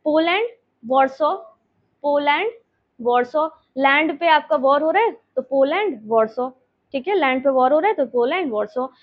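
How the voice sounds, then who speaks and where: High-voiced woman teacher, muffled sound. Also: animated, normal speed. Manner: repeats place names, checks with "ठीक है". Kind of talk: explaining a map lesson.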